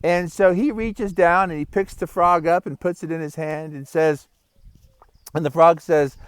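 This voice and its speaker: A man's voice: on the high side, steady tone, measured pace, clear, resonant tone. A middle-aged man, a vlogger and life coach, telling a funny story and giving life advice outdoors by a pond in a chatty, upbeat way. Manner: upbeat, chatty, chuckles often.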